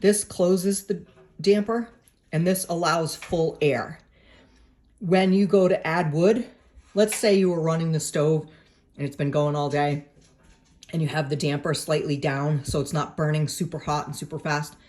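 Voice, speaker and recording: A speaker from New England giving a casual how-to at home by a woodstove, chatty and informal, often checking in with a quick "right?". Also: mid-range voice, fairly even intonation, a little mellow. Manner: chatty and informal, with frequent tag questions. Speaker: home vlogger explaining a woodstove to a friend. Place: at home beside a woodstove, indoors.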